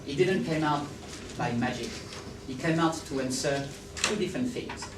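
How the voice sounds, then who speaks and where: This conference speaker, a man with a French accent, talks at a normal speed in a slightly high voice. He presents animatedly in a big hall, frequently asking listeners if they follow and seeking their agreement. The distant, roomy recording carries some background noise.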